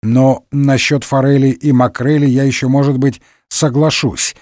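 A man voicing an excitable young Gascon musketeer in a comic audiobook. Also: medium pitch, moderate pace, dry recording, clean studio sound, natural voice. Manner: excitable, exclamatory.

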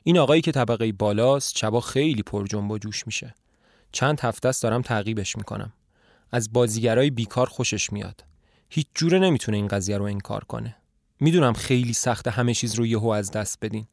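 A man voicing a shrewd, calm older detective in a dramatized play reading, measured and persuasive. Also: lowish voice, creaky, no echo, studio quality.

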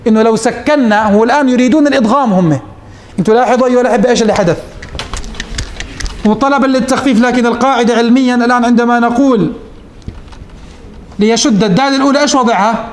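A man's voice: extremely high pitch, rapid-fire, long pauses, echoey room, slight background noise. A man teaching morphology as a sheikh, posing questions to his students and answering them himself. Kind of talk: classroom lesson.

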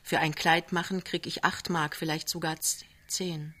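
A woman's voice: deep voice, little pitch movement, normal speed, pushed and bright. A woman voicing a tender, desperate young working-class wife in an audiobook reading, pleading in a rising voice. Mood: gentle.

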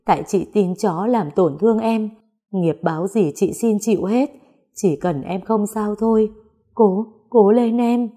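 A woman's voice: medium pitch, measured pace, dark tone, natural voice. A woman voicing a remorseful elder sister tearfully begging her unconscious sister to wake. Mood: pleading. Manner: tearful pleading.

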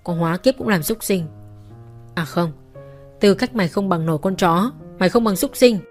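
A woman's voice: on the low side, moderate pace, a little mellow, soft background music, lightly acted. Woman doing a furious young wife cursing. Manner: cursing through clenched teeth.

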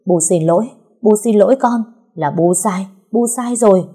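A proud older matriarch caught out and fumbling to placate, as a woman storyteller voices her. The tone stays low, dark and husky. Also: moderate pace. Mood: pleading. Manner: flustered, placating. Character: proud haughty mother-in-law, older woman.

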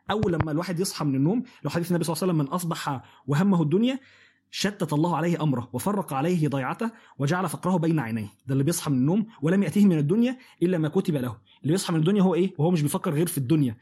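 Husky Egyptian man, quick fast teacher, stumbles and restarts, slightly high voice. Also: darkish tone. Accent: Egyptian Arabic. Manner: halting, many restarts and fillers. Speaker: Quran study teacher. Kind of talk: casual Quran lesson.

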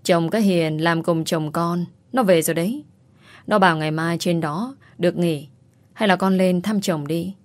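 A woman voicing a hot-tempered, fiercely protective village mother who speaks loudly and bluntly. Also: on the low side, normal speed, no echo, close to an everyday voice. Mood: urging. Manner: loud, combative, blunt.

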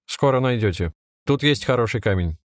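A man voicing a calm, wiry village man, a sly bathhouse builder who speaks folksy and teasing, in a storybook reading. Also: mid-range voice, a little fast, dry recording, clean studio sound, natural voice.

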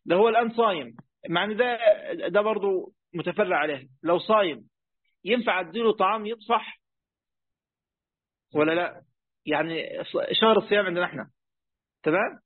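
A man's voice: high voice, brisk, long pauses, no room sound, narrow, tinny audio. A man with an Egyptian accent teaching a lesson on a religious text, chatty and full of questions to his students. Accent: Egyptian Arabic. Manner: conversational, asks students questions, many fillers. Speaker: teacher of Quran commentary. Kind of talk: classroom lesson explaining a text.

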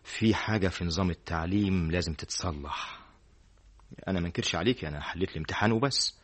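An actor with an Egyptian accent playing a self-assured, earnest young student who talks emphatically, in a classic radio drama. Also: male voice, sits low, fast talker, fairly bright tone, husky. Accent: Egyptian Arabic. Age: young adult. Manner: emphatic, repeated denials. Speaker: student friend.

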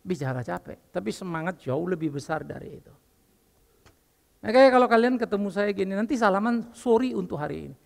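An older man preaching a lively, joking sermon as a pastor while unwell. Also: high-pitched, a little fast, gravelly, big-room sound. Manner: lively and joking, mixing in English phrases. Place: church.

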